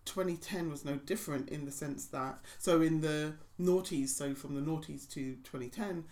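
A woman's voice: low-pitched, normal speed, darkish tone. A woman co-hosting a podcast, talking earnestly and reflectively, sometimes laughing nervously. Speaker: podcast co-host. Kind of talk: casual chat.

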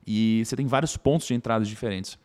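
A man, a podcast guest telling a personal story in animated casual conversation. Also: lowish voice. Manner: animated, tags sentences with quick asides.

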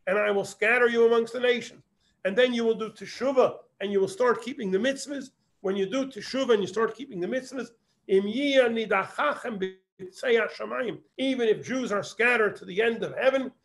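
In this text study lesson, a man's very high, gravelly voice reads Hebrew phrases from a Torah text and renders them in translation. He proceeds one verse at a time, quoting the Hebrew before explaining it.

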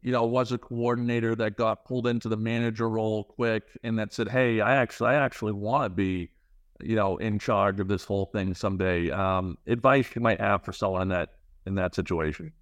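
A man hosting a casual interview, speaking haltingly and repeating words as he shapes his thoughts. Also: lowish voice, fairly even intonation, dry recording. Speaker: podcast interview host.

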